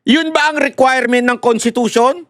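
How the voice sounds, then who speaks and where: Speaking at normal speed in an extremely high-pitched voice, a man delivers mocking, animated political commentary live to viewers. He switches between Tagalog and English and laughs frequently. The studio-quality recording has no echo.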